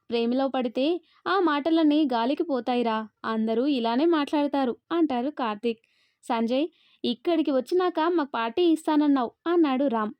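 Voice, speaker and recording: A woman narrating a love story and reading every character's lines in one steady, quick delivery. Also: sits high, dry recording, highs cut off. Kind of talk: scripted narration of a love story, all parts read by one voice.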